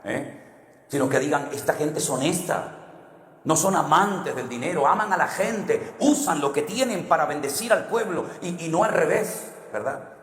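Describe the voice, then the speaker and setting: A middle-aged man from Spain with a Spanish accent, preaching a sermon as a pastor and telling stories, moving from hushed to loud and high. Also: lively intonation, moderate pace. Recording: echoey hall with long reverb.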